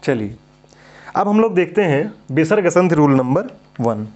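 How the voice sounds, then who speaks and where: A man's voice: a little high, sing-song, unhurried, a little mellow, faint music behind. A man teaching Hindi grammar in an exam-prep lecture, who keeps asking questions and then answers them himself. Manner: drills students with repeated questions and answers. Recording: dull lo-fi recording.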